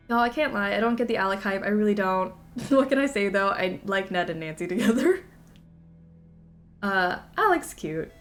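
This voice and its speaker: A woman streaming a game, chatting casually with viewers, giggling often and apologizing in quick asides. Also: medium pitch, animated, a bit bright, soft background music.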